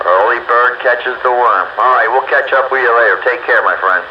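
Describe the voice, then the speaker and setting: A man with a mid-range voice talks a little fast as he joins an amateur radio net. His chat is casual, folksy and exclamatory, heard through a muffled, noisy two-way radio transmission.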